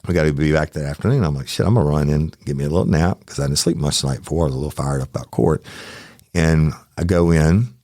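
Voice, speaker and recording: A man's voice: very deep voice, quick pace, warm tone, dry recording, clean studio sound. A man hosting a true crime podcast, telling a story in a casual, profane and heated way.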